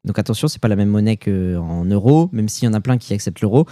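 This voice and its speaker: A man's voice: lowish voice, quick pace, no echo, clean studio sound. A young French man with a French accent, co-hosting a podcast and telling travel stories in casual chat, full of slang and fillers. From France. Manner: animated storytelling with slang and fillers. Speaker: podcast co-host.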